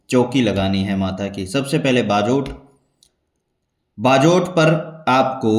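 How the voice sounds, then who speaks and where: A man guides listeners through a devotional ritual in a steady, measured way, repeating key points so nothing is missed. His voice sits at an ordinary middle pitch. The room around him rings with noticeable echo. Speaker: spiritual teacher. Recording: echoey room.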